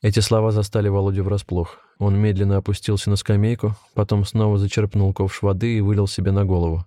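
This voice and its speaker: A man reading a story aloud in a steady, measured audiobook narration on a close mic. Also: on the low side, no room sound.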